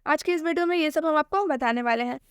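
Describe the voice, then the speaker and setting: Woman teacher, high voice, dry close recording, asks and answers her own questions. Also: fast, no room sound. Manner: repeats key points as questions and answers them. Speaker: English pronunciation teacher. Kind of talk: screen-based video lesson.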